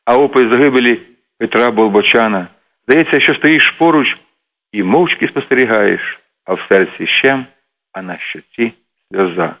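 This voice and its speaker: A man's voice: mid-range voice, expressive, normal speed, a bit bright. A man hosting a radio program, giving an earnest, emotive scripted reading. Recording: dull lo-fi radio recording.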